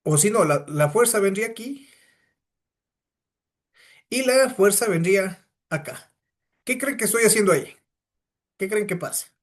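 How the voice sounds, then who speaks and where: A man's voice: high voice, expressive, measured pace, long pauses. Physics teacher quizzing his class. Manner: asks the class many rhetorical questions. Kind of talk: classroom lecture.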